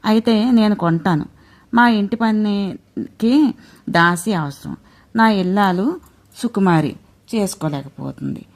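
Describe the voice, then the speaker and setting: A woman voicing a wealthy, insistent old Brahmin man who lectures slowly while haggling, in a told myth. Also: medium pitch, pitched above the performer's own voice. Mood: lecturing.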